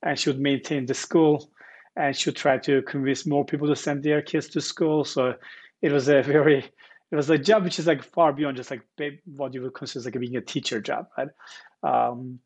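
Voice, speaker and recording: A Turkish man in his 40s, a guest founder whose first language is Turkish, tells his story in a casual interview. His voice is husky and medium-pitched, steady at a normal speed, and he speaks earnestly, repeating words as he searches and using fillers. He's indoors in a living room with armchairs, speaking through earbuds on a video call.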